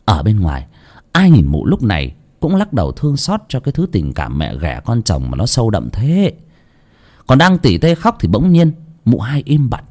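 A man's voice: lowish voice, wildly swooping pitch, moderate pace, darkish tone. A man narrating a village ghost story in a dramatic, suspenseful way.

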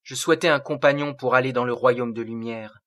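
A man's voice: medium pitch, fairly quick, a bit bright, close to an everyday voice. A man voicing a sorrowful, otherworldly seraphic being who speaks in solemn, lofty declamation. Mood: exalted.

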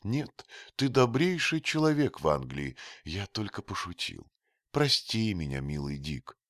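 A man voicing a timid, gentle youth with a high, soft boyish voice in a read-aloud story. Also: very animated, measured pace, no room sound, clean studio sound. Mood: pleading. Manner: pleading, teasing.

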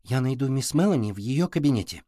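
A man's voice: medium pitch, animated, fast talker, mellow, no room sound, clean studio sound, lightly acted. A man voicing a determined young girl inventor who presses with eager questions.

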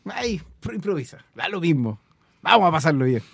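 A man's voice: a little high, sing-song, a little fast, creaky, slightly rough, dry recording. A man with a Chilean accent co-hosting a casual late-night radio show, joking and bantering with his partner. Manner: joking, banter-heavy, coaching his co-host. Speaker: radio co-host. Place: community radio studio.

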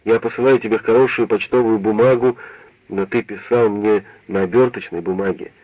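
A man reads a hoarse older doctor, bitter and ashamed, speaking low to his son as an equal in a storybook reading. The sound is dull and dry, like an old radio broadcast. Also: steady tone, moderate pace, dry recording, natural voice.

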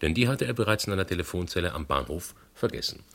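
With dry irony, a male actor in a German radio play questions formally and deliberately as a probing, sceptical investigator, his polite irony carried by a gravelly, husky voice. The voice is low, expressive, a bit bright and exaggerated.

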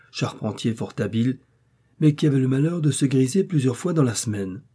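A man reading an old moral tale aloud as a measured, literary narrator. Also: medium pitch, warm tone, slightly rough. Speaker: audiobook narrator. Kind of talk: scripted narration.

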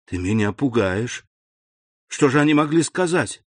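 A man's voice: mid-range voice, lively intonation, a little slow, no echo, clean studio sound. A man reading an audiobook, voicing an anxious young woman who pleads with her grandfather. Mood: pleading.

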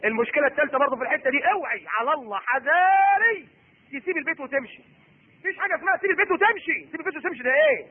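A middle-aged man preaching a sermon in an Egyptian Arabic accent. He is animated and acts out the voices of husband and wife. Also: extremely high pitch, rapid-fire. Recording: husky voice on tinny phone-like recording.

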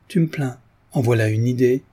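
A man's voice: medium pitch, normal speed, dark tone, husky, natural voice. A man voicing a playful, chatty young woman. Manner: teasing, flighty chatter.

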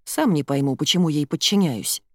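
A woman's voice: low-pitched, expressive, a little fast, no echo, studio quality. A woman reading the part of a weak-willed young man mumbling excuses to his girlfriend. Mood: sheepish. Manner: mumbling, sheepish, excuse-making.

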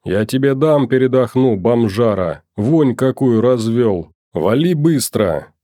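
Man doing a shrill old female street sweeper, bossy, screechy, storybook. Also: lively intonation, slow pace, dark tone, dry recording, studio quality. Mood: scolding.

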